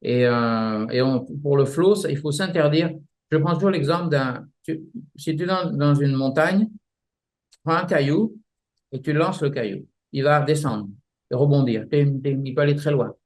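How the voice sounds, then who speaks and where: Male martial arts teacher, halting, vivid examples, guest interview. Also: a little high, darkish tone. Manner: halting, many restarts, explains with images. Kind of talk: casual explanatory interview.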